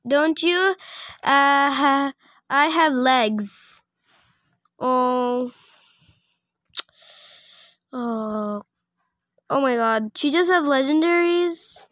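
A woman's voice: high voice, extremely slow, pauses often, a bit bright, no echo, studio quality. A young woman talking casually while she plays a video game and records it, pleading and exasperated as she begs other players for trades. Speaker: gaming video creator. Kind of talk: casual gameplay commentary.

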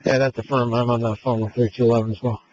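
A man's voice: mid-range voice, no room sound. Level-voiced man over a police radio. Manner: calm, matter-of-fact, halting. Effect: heard over a police radio. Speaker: police officer. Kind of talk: radio traffic with codes. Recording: muffled radio transmission.

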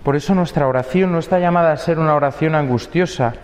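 A man's voice: on the high side, fast, roomy sound, long reverb tail. A young male priest giving an earnest homily, posing rhetorical questions.

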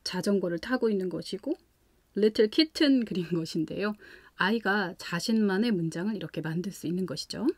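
A woman who hosts a parenting channel teaches English at home, guiding parents through a children's vocabulary lesson calmly and patiently, step by step, with examples. Her mid-range voice moves a little fast, and the sound is close and dry with no room sound.

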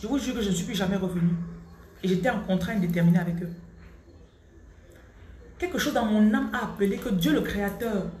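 Animated woman telling her story, roomy sound. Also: medium pitch, a little fast, long pauses. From Central Africa. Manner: animated, repeats words for emphasis, mixes in English. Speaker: motivational vlogger. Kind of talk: personal storytelling monologue. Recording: roomy with faint background noise.

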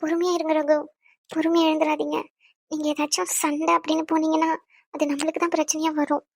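A woman voicing a young pregnant wife in a cartoon family drama, calmly pleading and reasoning. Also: sits high, fast talker, no echo. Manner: pleading and persuading.

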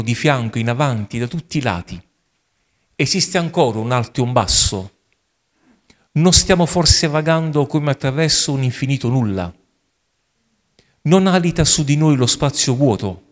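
A man's voice: mid-range voice, close to an everyday voice. A priest reading aloud the words of a frantic madman, delivered as an anguished string of rhetorical questions. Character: frantic male madman crying out about God's death. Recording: long reverb of a large hall.

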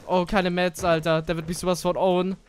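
A man giving casual gaming commentary, excitable and chatty as he plays with a teammate. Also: high-pitched, fairly quick, slight background noise. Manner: excitable, swears casually, talks to teammate while playing. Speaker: gamer.

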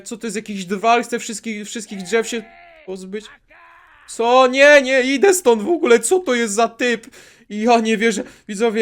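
An excitable man with a high voice narrates his game for viewers. He breaks into jumpy outbursts. Soft music plays behind him. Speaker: gaming video host. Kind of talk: Minecraft let's play commentary.

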